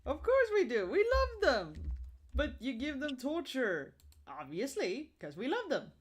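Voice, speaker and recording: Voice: sits high, huge pitch swings, measured pace. A speaker in a casual voice chat who talks playfully and teasingly.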